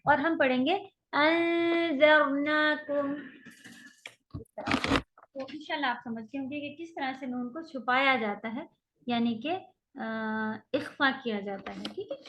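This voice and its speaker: A woman teaching a recitation class, explaining rules patiently and modeling long drawn-out sounds. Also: sits high, muffled recording, background noise. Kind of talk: online tajweed lecture.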